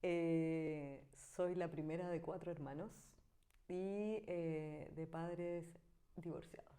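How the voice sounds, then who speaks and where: A Chilean woman in her thirties speaks in a low, mellow voice. She chats casually as an interview guest, laughing often and thinking aloud with plenty of fillers and hesitations. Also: steady tone, slow. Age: 30s. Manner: warm, giggly, thinking aloud with many fillers. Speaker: guest artist.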